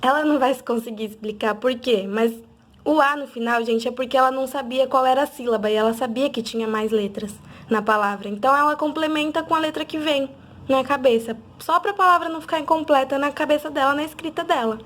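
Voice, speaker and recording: High-voiced teacher sounding out letters. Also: female voice, a bit bright. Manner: patient, sounds out letters slowly and clearly. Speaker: literacy teacher. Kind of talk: instructional video for parents.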